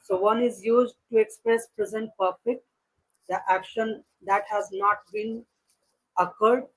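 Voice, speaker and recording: A man practices English on a video call, walking through a grammar point carefully with hesitant pauses. His voice sits high and sounds husky. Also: fairly even intonation, rough recording. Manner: careful, explaining step by step with frequent "uh" pauses. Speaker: English learner. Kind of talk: conversational English practice session.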